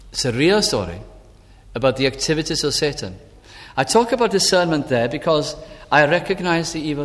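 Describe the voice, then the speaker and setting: A man preaching a sermon, telling a personal story slowly and deliberately. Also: fairly high pitch, fairly bright tone. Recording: long hall reverb.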